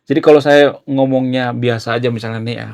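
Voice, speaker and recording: Gravelly chatty young man. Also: medium pitch, steady tone, brisk, a little mellow. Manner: chatty, filler-heavy, often ends with "ya". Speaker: YouTuber. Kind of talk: casual explainer monologue.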